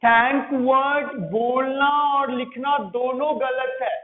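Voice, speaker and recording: A man with an Indian accent leads a grammar lesson, correcting mistakes and repeating the right forms over and over. His voice sits very high. The sound is tinny and phone-like, with a roomy echo around him. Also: level tone, slow pace. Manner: repetitive, correcting and drilling. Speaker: English teacher. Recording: echoey room over a tinny lo-fi line.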